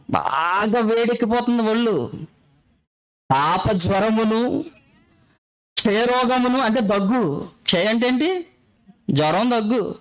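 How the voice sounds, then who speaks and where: A man preaching a sermon. He fires off rhetorical questions, repeats phrases for emphasis, and moves between quick explanation and slow, drawn-out scripture reading. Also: sits high, low-quality recording.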